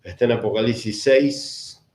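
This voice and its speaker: A man with a Rioplatense Spanish accent delivers a teaching sermon in a mellow, warm tone. He repeats his phrases and keeps asking the congregation whether they follow. His voice rings in an echoey room. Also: mid-range voice, unhurried. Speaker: preacher.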